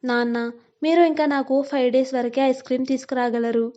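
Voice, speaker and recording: A young bride-to-be, tender with her family and sharp in her comebacks, played by a woman narrator. Her voice is high and mellow, told as a storybook. The sound is somewhat dull and lo-fi. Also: steady tone, lightly acted. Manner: quick retorts.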